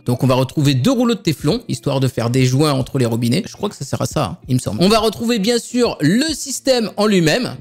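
A man's voice: high-pitched, a little mellow. A man hosting a tech channel, chatting casually through a product unboxing in his home office, with joking asides to viewers.

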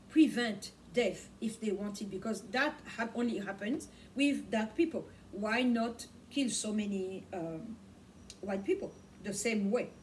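Her voice mid-range and darkish, a middle-aged woman whose first language is Swahili delivers an impassioned sermon to camera in a small home study. She gestures often and repeats words to stress them. The recording comes from a distant camera mic across the room, with faint room noise.

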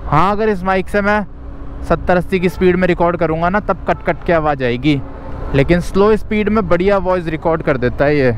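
A chatty young man gives motovlog commentary while riding a scooter outdoors, his voice sitting a little high. He is recorded on a helmet mic. Faint traffic and wind noise run underneath. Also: brisk. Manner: chatty, explaining tips to viewers. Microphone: helmet mic recording from a ride.

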